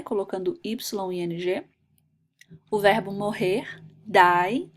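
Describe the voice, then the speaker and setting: A woman teaching English grammar in a video lesson, patient and methodical, spelling out letters one by one. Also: medium pitch.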